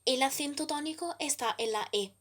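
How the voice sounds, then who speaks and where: A woman with a somewhat high voice presents a scripted grammar lesson. She reads in a measured, even way and slows down deliberately to spell out each example word. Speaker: student presenter.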